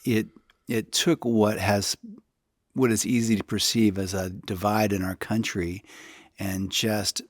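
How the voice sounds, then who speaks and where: A man's voice: on the low side, fairly even intonation, a little slow, dry recording, clean studio sound. A man co-hosting a casual podcast, rambling a little with restarts, his voice throaty from allergies. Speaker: podcast co-host.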